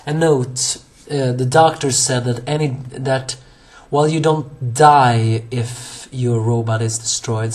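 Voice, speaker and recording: This is a solo anime episode review from a young man whose hoarse voice is medium in pitch and slightly mellow. He wanders through it, piling up fillers, starting over and correcting himself along the way.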